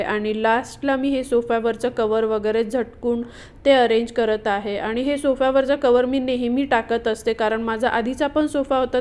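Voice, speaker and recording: A woman's voice: a little high, darkish tone. A woman chatting through a home vlog voice-over, explaining her cleaning routine with frequent fillers. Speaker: vlogger. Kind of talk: casual voice-over vlog narration.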